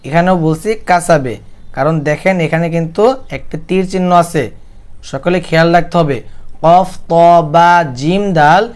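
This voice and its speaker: A man from Bangladesh with a Bangladeshi accent, teaching Quran recitation, who chants verses slowly and drawn out, then explains quickly. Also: a little high, smooth. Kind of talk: recitation lesson.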